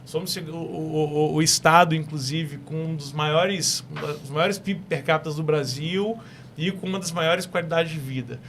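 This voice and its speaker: A young adult man from Espírito Santo, Brazil, appears as a guest entrepreneur on a talk show and speaks Brazilian Portuguese with that region's accent. His slightly high, somewhat bright voice moves at an unhurried pace, full of enthusiasm, and he often repeats himself or restarts phrases. A faint hiss sits beneath the recording.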